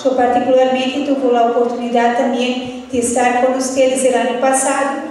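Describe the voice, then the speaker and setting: A woman's voice: high voice, flat delivery, normal speed, a little mellow. A woman from Brazil with a Brazilian Portuguese accent, a native Portuguese speaker mixing Spanish and Portuguese as she gives a formal greeting speech as a union delegate. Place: large echoey hall, heard from far off. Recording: echoey hall, distant, faint noise.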